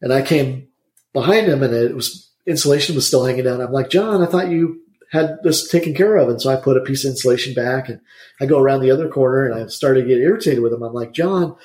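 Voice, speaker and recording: A man, talking as a guest in a casual interview. He is an insulation contractor who rambles through his stories at a quick clip, and his mid-pitched voice bounces around an echoey room. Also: fairly even intonation, a little mellow. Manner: chatty, rambling, quick storyteller.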